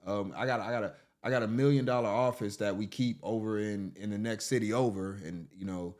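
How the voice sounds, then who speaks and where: Brief: man playing a low-voiced, fast-talking scam landlord who brags and name-drops. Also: fairly even intonation, darkish tone, lightly acted. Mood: boastful. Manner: rambling, name-dropping brag. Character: boastful smooth-talking male property scammer.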